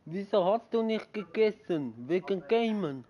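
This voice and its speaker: A man's voice: high voice, expressive, a little slow, muffled recording. A seventeen-year-old boy with a Swiss German accent, hosting a football game livestream, joking and laughing a lot. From Switzerland. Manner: joking, laughs often, nagging his friend. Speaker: gaming channel host. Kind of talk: casual gaming livestream.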